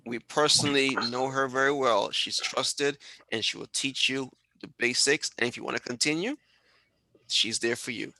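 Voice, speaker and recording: Mężczyzna prowadzący webinar przez połączenie wideo, mówi z kaznodziejskim zapałem i powtarza hasła dla podkreślenia. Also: male voice, mid-range voice, moderate pace, gravelly, pushed and bright, no echo, rough recording. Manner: preachy, rallying, repeats for emphasis. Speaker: host. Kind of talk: motivational webinar hosting. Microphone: video call.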